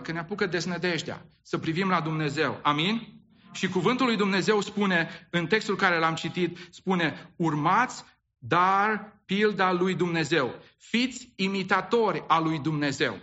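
A man's voice: high voice, pushed and bright, lo-fi sound. A man preaching a sermon as pastor, asking the congregation rhetorical questions and often repeating and restarting his words.

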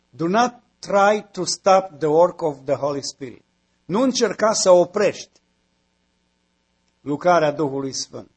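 Husky high-voiced man preaching. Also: darkish tone. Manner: builds to emphatic repeated phrases. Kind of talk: sermon.

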